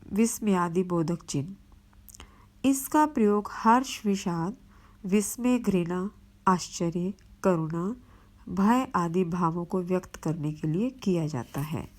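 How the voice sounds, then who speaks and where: Slow, careful woman teacher. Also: lowish voice. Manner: slow, careful explanation with spoken examples. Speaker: school teacher. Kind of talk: virtual classroom lesson.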